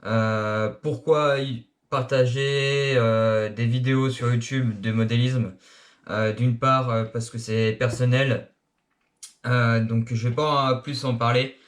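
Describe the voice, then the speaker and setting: A man's voice: medium pitch, steady tone, slow. Hesitant young Frenchman. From France. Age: young adult. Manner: hesitant, many filler sounds. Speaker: RC hobby YouTuber. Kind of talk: casual self-introduction. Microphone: action camera.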